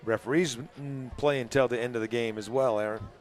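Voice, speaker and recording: A man's voice: mid-range voice, fairly even intonation, a little fast. A man giving brief, laid-back color commentary on a football game.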